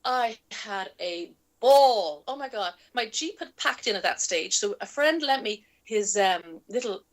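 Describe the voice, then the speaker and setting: A woman with an Irish accent, a guest in an interview, telling stories in a lively way and laughing often as she talks. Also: medium pitch, unhurried. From Ireland. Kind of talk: casual storytelling in an interview.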